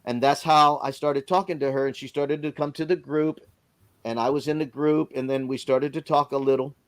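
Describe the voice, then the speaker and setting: A man's voice: a little high, moderate pace. A man casually telling a personal story on a live stream, in plain informal speech. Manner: lively storyteller who acts out others' lines.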